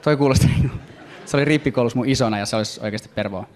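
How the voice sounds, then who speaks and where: A man performing a stand-up comedy routine on stage, talking in animated, excitable bursts. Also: medium pitch. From Finland. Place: comedy stage before a live audience.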